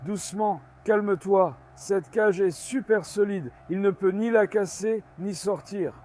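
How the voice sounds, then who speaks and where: A man with a noticeably high voice films a casual farm vlog outdoors. He coaxes and calms his dogs in between remarks to his viewers, and dogs can be heard around him. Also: unhurried. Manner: coaxing and calming dogs while chatting to viewers. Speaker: dog owner filming at his farm. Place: farmyard outdoors.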